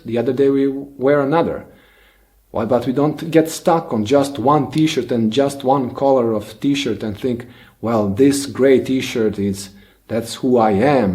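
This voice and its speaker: His medium-pitched voice is dark and mellow as this channel host, a native Bosnian speaker, reflects alone on camera. He talks slowly and thoughtfully, pausing with "uh"s and starting sentences over.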